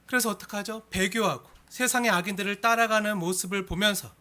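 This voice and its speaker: A male pastor with a very high, sharp, ringing voice delivers a sermon. He rises into loud, impassioned appeals, then drops to hushed, near-whispered asides. He keeps putting rhetorical questions to the congregation. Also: steady tone, a little fast.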